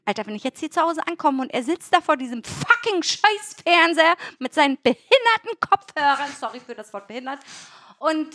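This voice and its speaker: High-voiced young woman ranting. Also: fairly quick, dry recording, clean studio sound. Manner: animated, swearing, acts out dialogue. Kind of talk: casual chat, ranting story.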